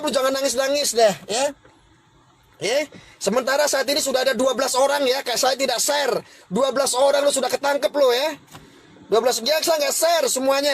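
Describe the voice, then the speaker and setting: Man with a very high voice, live-streamer, confrontational and scolding, ranting at critics. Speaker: livestream host. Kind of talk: heated livestream rant.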